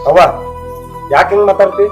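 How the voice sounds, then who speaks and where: A man's voice: high-pitched, fairly quick, darkish tone, lo-fi sound, soft background music, natural voice. An actor playing a hurt adopted son with a North Karnataka accent who reproaches his mother. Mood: reproachful. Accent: North Karnataka Kannada.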